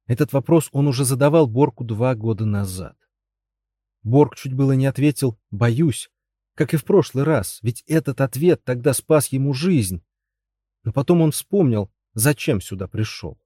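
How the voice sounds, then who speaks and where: Role: male audiobook narrator. Tone: dark, mellow. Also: mid-range voice, no room sound, clean studio sound. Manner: even, measured storytelling.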